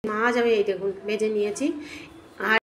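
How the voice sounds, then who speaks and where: A middle-aged woman, hoarse from a cold, chatting homely to viewers as she cooks fish in her kitchen. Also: medium pitch, little pitch movement, fairly quick, a bit bright, a little hiss or hum. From Bengal. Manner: chatty, homely, talks to viewers while cooking. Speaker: cooking vlogger. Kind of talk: casual cooking commentary. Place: home kitchen.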